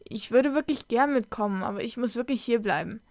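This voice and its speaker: A woman's voice: fairly high pitch, fairly quick, darkish tone, dry recording, studio quality, lightly acted. A woman voicing a curious, stubborn young schoolgirl who speaks earnestly and pleads.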